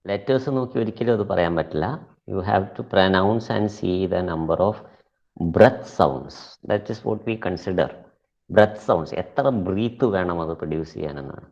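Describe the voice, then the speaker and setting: A male teacher leads an online lesson at a very slow, careful pace, dragging out words to show how they sound. His low voice carries a gravelly fry. The audio is dull and lo-fi, like a class sent over a weak network. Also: animated, a little mellow. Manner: deliberate, repeats words slowly for pronunciation; switches between English and Malayalam. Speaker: English teacher.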